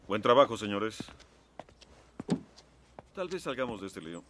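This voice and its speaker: An actor playing a brisk, commanding middle-aged underworld fixer in a dubbed film, with clipped, dryly sardonic authority. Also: male voice, fairly low pitch, sing-song. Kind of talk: dubbed film dialogue in Spanish. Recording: film soundtrack with faint background noise.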